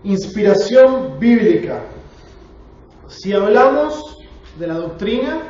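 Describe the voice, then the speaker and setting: A man's voice: sits high, lively intonation, slow, a little mellow. A man with a Rioplatense Spanish accent leads a prayer and then teaches a Bible class, speaking earnestly and asking the class questions. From Argentina. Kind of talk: church class lecture with opening prayer. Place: church hall. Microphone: room recording from a distance. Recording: very echoey dull hall recording, distant.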